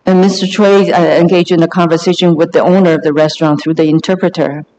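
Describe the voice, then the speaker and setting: A man working as a live interpreter, translating a sermon on the spot in short bursts, halting with fillers and self-corrections. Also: on the high side, little pitch movement, a little mellow. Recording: long reverb of a large hall.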